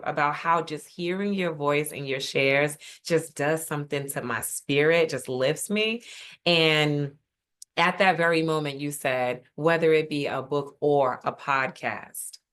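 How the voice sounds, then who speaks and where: Low-voiced, effusive woman leading a group call. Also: measured pace, a bit bright. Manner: effusive, affirming, calls people sis; frequent murmured mm-hmms while listening. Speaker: writing course facilitator. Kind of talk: supportive group video call.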